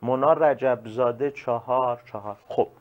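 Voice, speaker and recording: A male teacher giving a live online class, animated and emphatic, calling on students by name. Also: mid-range voice, highs cut off.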